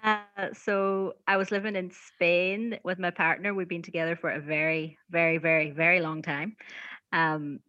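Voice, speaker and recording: A woman's voice: fairly low pitch, little pitch movement, moderate pace, pushed and bright, no room sound. A woman in her thirties with a Donegal Irish accent, telling a personal story casually and hesitantly as a podcast guest. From County Donegal, Ireland. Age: 30s. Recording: slightly dull, lo-fi sound.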